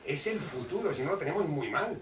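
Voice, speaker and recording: An older man gives an impassioned talk at a neighborhood association hall, emphatic and repetitive, often restarting his sentences. His voice is fairly high, animated, and brisk. A distant mic picks him up with roomy echo and faint noise.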